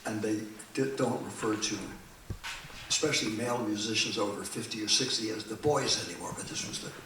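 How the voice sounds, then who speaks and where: A man from the Philadelphia area telling an animated, digressive story between songs at a small music cafe, with restarts along the way. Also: fairly low pitch, fairly quick. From Philadelphia area, USA. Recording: echoey, distant, noisy live room.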